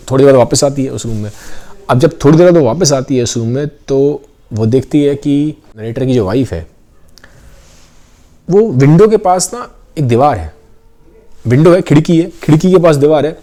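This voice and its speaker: A man with a mellow, medium-pitched voice retells a story conversationally, switching between Hindi and English phrases and acting out the quoted lines.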